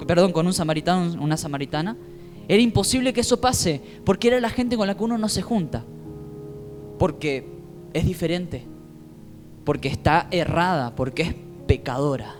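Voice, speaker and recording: Man, pastor, Rioplatense Spanish accent, high voice, animated sermon, soft guitar underneath. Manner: animated storytelling, acting out quoted voices.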